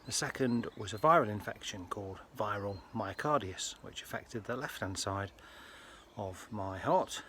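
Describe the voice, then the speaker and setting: Low-voiced British man vlogging. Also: normal speed, pushed and bright. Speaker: health vlogger. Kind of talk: casual personal vlog to viewers. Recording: faint ambient background noise.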